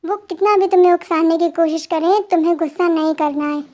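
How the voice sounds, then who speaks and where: A woman's voice: very high voice, fairly even intonation, a little fast, dark tone, muffled recording. A woman voicing a strict male boxing coach who lectures firmly in an amateur fan dub. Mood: stern. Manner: firm, lecturing.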